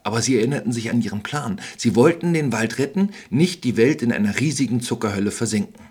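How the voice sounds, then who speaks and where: A man's voice: medium pitch, expressive, fast talker, darkish tone, breathy edge. A man narrating a playful, wry fairy-tale parody in scripted storybook style.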